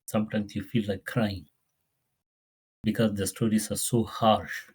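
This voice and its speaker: Husky earnest male Quran teacher. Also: on the low side, fairly even intonation, unhurried, a little mellow. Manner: earnest, repetitive, pleading. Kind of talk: religious lesson.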